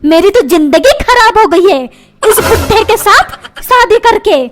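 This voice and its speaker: A woman's voice: very high-pitched, lively intonation, unhurried, background noise. A woman voicing a nagging, quarrelsome mother in a cartoon, complaining to her husband and doting on her son. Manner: complaining, demanding, repeats questions. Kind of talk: cartoon comedy voice acting. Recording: background music.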